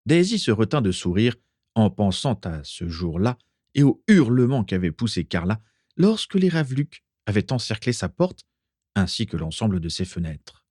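A man reading a storybook aloud with expressive storytelling. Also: on the low side, normal speed, no echo, clean studio sound. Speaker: narrator. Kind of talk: audiobook reading.

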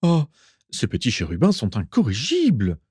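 A man's voice: medium pitch, huge pitch swings, moderate pace, a little mellow, slightly rough, dry recording, pitched above the performer's own voice. A man reading a storybook and voicing a cheerful older man who stays unfailingly amiable. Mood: jovial. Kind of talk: audiobook reading.

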